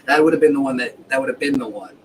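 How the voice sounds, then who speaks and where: A man's voice: medium pitch, quick pace. Rambling man with hiccups, distant mic. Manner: rambling, self-correcting, swears casually. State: has the hiccups. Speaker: livestream host. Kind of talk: casual livestream chat. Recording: distant mic with faint background noise.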